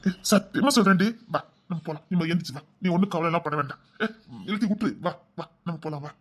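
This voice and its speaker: Sweet protective husband, talks fast, keeps coaxing and repeating himself. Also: male voice, a little high, a bit bright. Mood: pleading. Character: devoted husband, gentle, protective, pleading. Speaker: husband in a drama series. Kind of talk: emotional drama acting.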